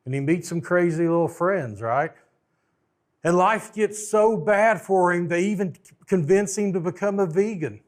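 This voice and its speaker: A man's voice: sits high, unhurried. Folksy man preaching a story sermon. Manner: folksy, joking asides.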